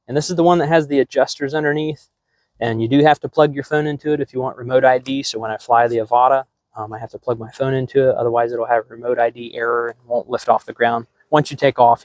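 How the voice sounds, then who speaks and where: A man's voice: mid-range voice, quick pace, no echo. A middle-aged man hosting a drone hobby channel, talking casually to camera with lots of ums and restarts. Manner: relaxed, rambling, many ums and restarts. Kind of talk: casual product talk to camera.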